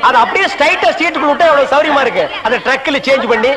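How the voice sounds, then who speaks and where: A bossy water-tanker boss. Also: male voice, very high-pitched. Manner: bossy, fast-talking, mocking. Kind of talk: 1990s Tamil film comedy. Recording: outdoor street crowd and noise.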